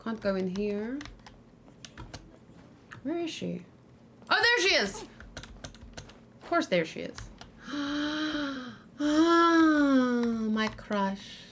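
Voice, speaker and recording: With a high, sing-song voice that's a bit bright, this streamer draws out her words and leaves long pauses. She gives casual let's play commentary, musing in short fragments over faint noise and keyboard typing.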